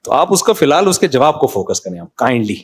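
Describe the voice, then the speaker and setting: A man in his role as a cleric, giving a casual religious talk with an animated, conversational delivery that rises in pitch for emphasis. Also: breathy edge. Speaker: Islamic cleric answering questions.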